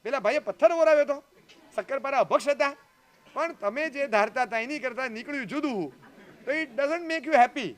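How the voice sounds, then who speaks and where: A man's voice: very high-pitched, expressive, moderate pace. A man giving a sermon as a Jain monk, telling a story and acting out the dialogue, often asking the audience questions. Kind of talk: sermon with acted anecdotes.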